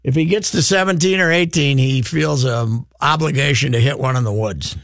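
A man hosting a sports radio show, blunt and animated, sometimes raising his voice to make a point. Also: mid-range voice, moderate pace, vocal fry, no echo, studio quality. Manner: blunt and animated, rising to shouts when making a point. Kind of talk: opinionated sports talk.

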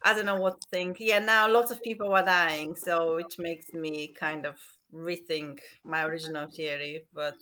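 A woman's voice: fairly low pitch, steady tone, normal speed, pushed and bright, rough recording. Hesitant woman from Bulgaria, English. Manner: hesitant, unsure, non-native phrasing. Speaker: listener guest. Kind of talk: casual chat.

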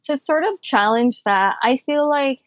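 Young woman, therapy caller, hesitant, lots of fillers, very slow, dry sound. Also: sits high, expressive, no echo. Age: young adult. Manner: hesitant, searching for words, many fillers. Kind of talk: therapy conversation.

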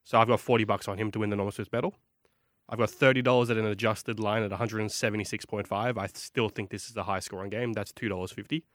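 A man's voice: lowish voice, a bit bright, dry recording, clean studio sound. A man chatting casually about sports bets as a podcast panellist. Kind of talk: casual sports betting chat.

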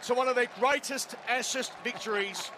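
At a moderate pace, a man with a very high voice narrates cricket live on radio in short, running phrases. A cricket crowd and the open-air surroundings are clearly audible.

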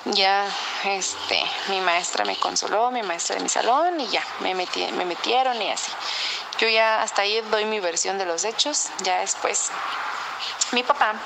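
A woman with a Mexican accent telling a personal story in a relaxed, chatty way, with lots of fillers. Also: mid-range voice, unhurried, vocal fry, background noise. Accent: Mexican Spanish. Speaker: podcast co-host telling a story. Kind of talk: casual storytelling.

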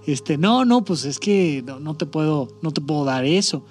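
A poor, humble carpenter with a Mexican accent hems and stammers through his words, as a man plays him in a told story. His voice sits a little high, with faint music behind. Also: expressive, normal speed, a little mellow, lightly acted. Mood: hesitant. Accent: Mexican Spanish. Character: poor, hesitant male carpenter.

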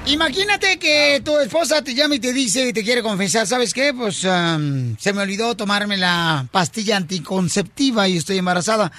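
A man hosts a radio comedy show with a very high, bright voice. His pitch bounces around as he jokes and teases. He repeats lines for comic effect. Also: animated, moderate pace, few pauses. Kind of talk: comic radio banter and joke-telling.

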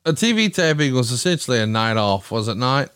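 A man's voice: medium pitch, big pitch swings, a little fast, fairly bright tone, clean tone, dry recording, clean studio sound. A man hosting a podcast, moving between scripted ad reads and talk to his listeners. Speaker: podcast host.

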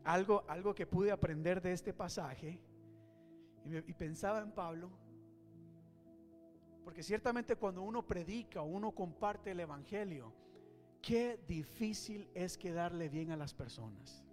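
A male pastor preaching a sermon in a church, swinging between loud and hushed. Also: high voice, a little slow, big-room sound, faint music behind.

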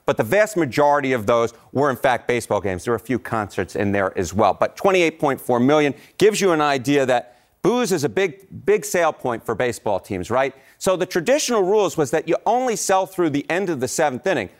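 A man on a morning news show, walking through statistics with quick enthusiasm and frequent "right?" tags. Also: mid-range voice, very animated. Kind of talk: explaining statistics on live TV.

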